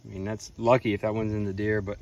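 A young man hosting a casual shooting range vlog outdoors in a grassy field, laid-back, counting pellets out loud. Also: fairly low pitch, flat delivery, fast. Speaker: outdoors channel host. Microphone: camera mic a few feet away. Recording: distant outdoor camera mic, faint insects.

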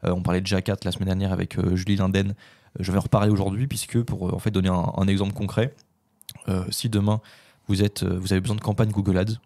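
A man's voice: sits low, level tone, quick pace, mellow, dry recording. A man, co-hosting a casual podcast and rambling with many filler words. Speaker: podcast co-host.

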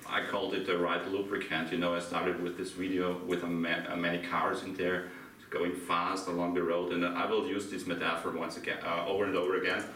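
At an interactive conference talk, a middle-aged Austrian man with a German accent poses questions to a small crowd, laughing lightly. His voice is low with a bright edge, level in tone and a little fast. The distant recording is echoey, with faint hiss.

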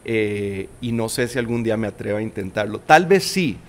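Low-ish and expressive at a normal speed, this man's voice has a Costa Rican Spanish accent; he's in his forties. Interviewed casually on a shaded veranda through a boom-arm studio mic, he talks thoughtfully with many restarts.

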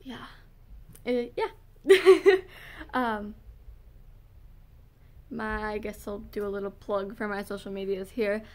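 A young woman chatting casually in a vlog, giggling often and filling pauses with "um", and she says she is losing her voice. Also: mid-range voice, flat delivery. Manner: giggly, filler-heavy, gushing. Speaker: vlogger. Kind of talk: casual chat.

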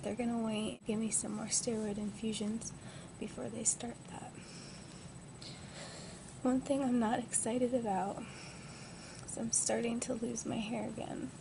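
Lying in a hospital bed, a young woman of twenty records a casual personal vlog on her device's built-in mic, held close. She sounds groggy and subdued, her rather high, gravelly voice flat and a bit slow, with frequent pauses, all captured in noisy webcam-quality sound.

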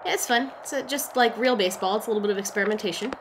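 A young woman co-hosting a video game session, teasing and swearing in casual banter as she plays. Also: medium pitch. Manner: teasing, profane, quick to laugh. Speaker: co-host playing a video game. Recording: noisy background hiss.

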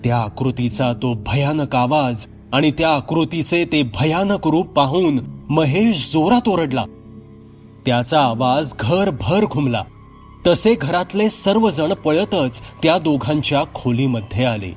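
Slow, measured male horror storyteller. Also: fairly high pitch, lively intonation, a little mellow, soft background music. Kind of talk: scripted horror story narration.

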